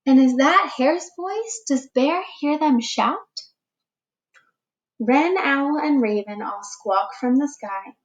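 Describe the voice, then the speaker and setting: A woman teacher reading a picture book aloud to young children, slow and expressive, giving the animals little voices. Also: high-pitched, muffled recording. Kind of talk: read-aloud storytime for children.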